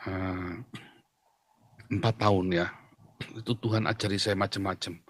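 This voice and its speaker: Hosting a live stream, a pastor mixes jokes with an emotional confession about his past in a casual preaching chat. He has a low voice with little pitch movement and speaks a little slowly.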